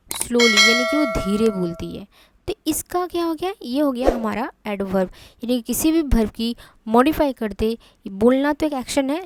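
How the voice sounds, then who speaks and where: A woman with an Indian accent teaching English grammar in Hindi. She explains step by step, repeats key terms and reads English example sentences out slowly. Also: a little high, darkish tone, dry recording.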